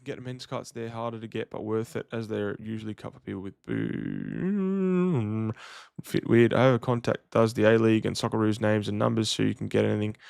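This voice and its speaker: A man's voice: fairly low pitch, creaky, no room sound, clean studio sound. A man, chatting casually to livestream viewers in a slangy, matey way. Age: 30s. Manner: laid-back slangy, matey address. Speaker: livestream host.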